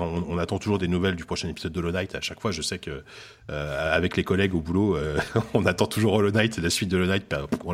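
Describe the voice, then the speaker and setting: A young man runs a casual gaming discussion in a deep, low voice. He talks quickly, piling up fillers and false starts as he thinks aloud. The tone stays loose and conversational. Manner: hesitant, many fillers and restarts. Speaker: podcast host.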